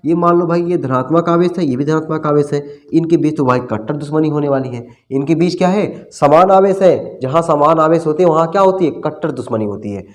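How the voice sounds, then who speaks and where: A male physics teacher with a voice a little higher than most men's. He drills his class by asking a question and answering it himself, repeating each term several times, and he keeps it friendly by calling the students brother. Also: a little fast, hardly any pauses. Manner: asks questions and answers them himself, repeating key terms; casual, calls students brother. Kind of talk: classroom lecture.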